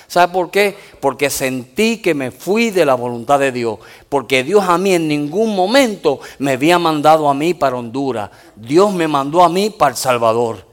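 A male pastor delivers a sermon at a church, telling his stories in a lively, animated way. His voice sits high for a man, and he keeps punctuating his points with amens. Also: moderate pace, few pauses. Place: church in the United States.

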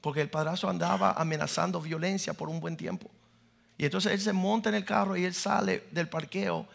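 High, gravelly male pastor; preaches in bursts, drops to a hush for stories. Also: steady tone, a little fast. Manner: preaching, swings between loud declarations and hushed storytelling. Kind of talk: sermon with personal stories.

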